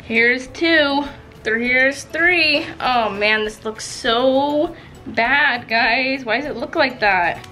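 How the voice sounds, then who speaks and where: A woman vlogger chatting casually through a cooking and eating challenge, reacting with lively exclamations. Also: sits high, slow, soft background music. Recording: roomy echo, faint noise.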